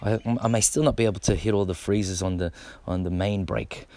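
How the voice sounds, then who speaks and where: Gravelly low-voiced middle-aged man rambling. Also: steady tone, a little fast, warm tone, a little hiss or hum. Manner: laid-back, rambling, swears freely, repeats words. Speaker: b-boy. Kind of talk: casual monologue to camera.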